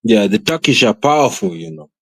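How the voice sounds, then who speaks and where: A man's voice: medium pitch, a little fast, a bit bright, husky. A Kenyan man speaking as a panelist in casual talk, often agreeing, and mixing English with Swahili.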